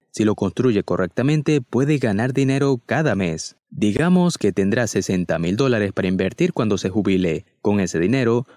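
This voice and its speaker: Low-voiced man narrating finance explainer. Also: darkish tone, dry recording, studio quality. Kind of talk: scripted voice-over narration.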